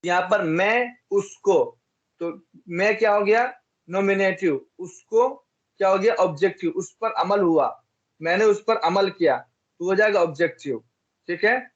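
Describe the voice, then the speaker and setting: A man's voice: high-pitched, measured pace, muffled recording. A man from India teaching an English grammar lesson, repeating each example and asking and answering his own questions.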